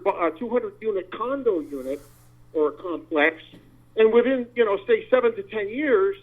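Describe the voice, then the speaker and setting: A man calling in to a talk show, his voice coming through as a tinny phone line, explaining in a rambling, folksy way. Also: high-pitched. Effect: tinny phone line sound. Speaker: caller.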